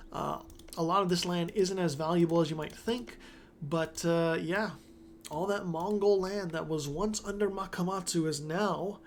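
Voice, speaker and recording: A man with a high-pitched voice commentates on a strategy game, rambling casually and correcting himself along the way. He sounds congested, and there's slight background noise.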